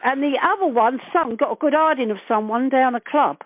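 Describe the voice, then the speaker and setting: An older woman with a high-pitched voice and a brisk delivery reminisces casually about past events during a phone interview. She's chatty, earthy and blunt, swearing casually, and the narrowband call is dry, with no room sound.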